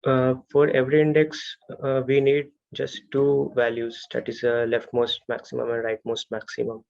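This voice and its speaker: Formal interviewee, nervous and unsure, gravelly fry, muffled call audio. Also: mid-range voice, monotone, moderate pace, a little mellow. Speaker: job candidate in a mock coding interview. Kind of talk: formal technical interview answers. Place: online video call with screen sharing. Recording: dull lo-fi online call audio.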